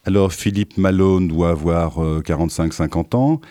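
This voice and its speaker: A man's voice: low-pitched, normal speed, mellow, dry recording. A man speaking as a guest on a radio interview, articulate and enthusiastic but with fillers. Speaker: radio guest, university theatre organiser.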